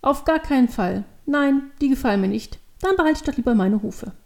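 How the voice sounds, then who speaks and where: Narrator putting on a small devil girl for a storybook, high childlike voice, mellow tone, nosy and headstrong. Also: animated, fairly quick, creaky. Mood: refusing. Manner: high, eager, childlike questioning. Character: curious stubborn little devil girl. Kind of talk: storybook reading.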